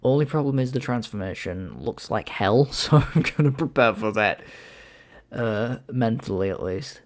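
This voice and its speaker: A man's voice: mid-range voice, moderate pace. A young man hosting a livestream from home, chatting casually as he reacts, swearing and laughing easily. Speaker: livestream host. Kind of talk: casual live commentary.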